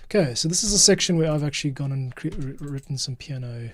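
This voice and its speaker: Quick, expressive and a bit bright, this man's fairly high voice comes with a little hiss or hum. As a podcast editor, he mutters and thinks aloud while editing, offering casual behind-the-scenes commentary on his work.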